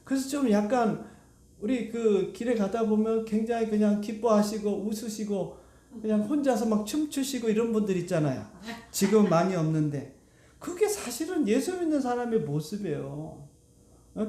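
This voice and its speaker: A man's voice: high voice, warm tone, echoey room. A male pastor preaching a sermon to his congregation, asking it rhetorical questions. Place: church sanctuary.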